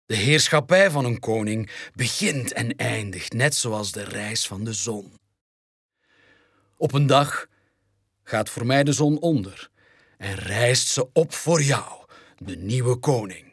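A man reading as a wise old lion king, calm and stern, slow and a bit breathy, flemish. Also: medium pitch, dry recording, studio quality, heavily acted. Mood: solemn.

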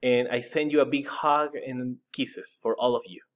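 Guy teaching english online, slow drills, spells stuff out, kinda muffled audio. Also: mid-range voice, steady tone. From Chile. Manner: slow drilled repetition, spelling words letter by letter; switches between English and Spanish explanations. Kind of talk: recorded online lesson. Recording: dull lo-fi home recording.

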